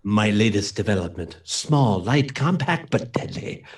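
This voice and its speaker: A man plays an earnest, principled scientist-inventor in an old-time radio play, explaining proudly in a formal, emphatic, theatrical style. His voice is on the low side, unhurried, with big pitch swings.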